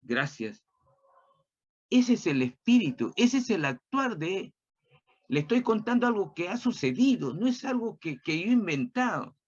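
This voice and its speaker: A man preaches a sermon and tells a personal story along the way. He talks in an animated way and repeats his rhetorical questions, and his voice swings widely in pitch. The recording sounds dull and lo-fi. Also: normal speed, husky.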